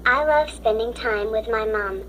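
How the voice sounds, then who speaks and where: A woman's voice: a little high, measured pace, a bit bright, a little hiss or hum. A synthetic woman's voice with a robotic text-to-speech sound, reading children's stories aloud in a stiff, mechanical way. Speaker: story app narrator.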